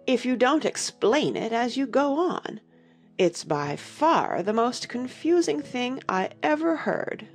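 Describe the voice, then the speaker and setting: Mock Turtle, a woman doing a slow, mournful creature. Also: a little high, sing-song, faint music behind, full character voice. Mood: fussy. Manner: melancholy, sighing, slow and mournful. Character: sad, sobbing male Mock Turtle creature. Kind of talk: dramatized audiobook acting.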